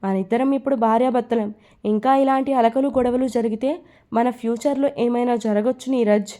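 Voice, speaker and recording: A woman reading the part of a gentle, shy young bride in an audio love story. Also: a little high, fairly even intonation, brisk, close to an everyday voice.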